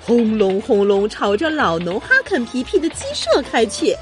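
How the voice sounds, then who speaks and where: Lively woman reading a children's story. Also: fairly high pitch, normal speed. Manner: lively, expressive narration. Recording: music playing behind.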